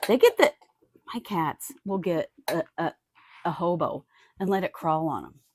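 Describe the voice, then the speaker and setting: Lively joking woman co-host. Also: on the low side, noisy background. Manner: joking, expressive, quick quips. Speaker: true crime podcast co-host. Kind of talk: casual chat, live stream.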